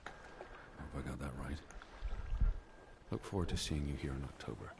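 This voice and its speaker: A man playing an anxious, bookish, old-fashioned gentleman in a mystery video game, speaking formally and earnestly. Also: very deep voice, normal speed, creaky, noisy background. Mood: formal, pensive.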